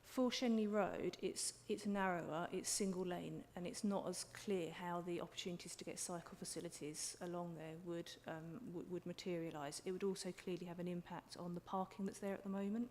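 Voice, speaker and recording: A woman's voice: lowish voice, steady tone, brisk, few pauses, a little mellow. A woman giving a formal explanation as a witness at a public hearing. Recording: echoey hall with clear background noise.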